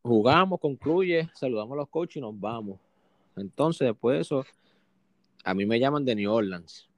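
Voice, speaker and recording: A man's voice: medium pitch, moderate pace, no room sound. Puerto Rican man, dry close voice. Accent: Puerto Rican Spanish. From Puerto Rico. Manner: animated, acts out quotes with restarts. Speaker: guest, basketball player. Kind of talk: casual interview storytelling.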